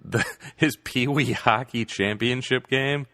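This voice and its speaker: A man's voice: medium pitch, slow pace, a bit bright, no room sound. A young man co-hosting a podcast, chiming in with incredulous, mocking asides. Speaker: podcast co-host. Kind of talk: casual chat reviewing a film.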